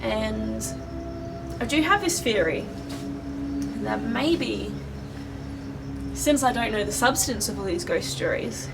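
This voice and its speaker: A woman's voice: fairly high pitch, expressive, slow, creaky, pauses often, over loud music, rough recording. A woman talking to camera as the host of a paranormal investigation vlog, moving between narration and casual chat. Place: outdoors at night on camp grounds.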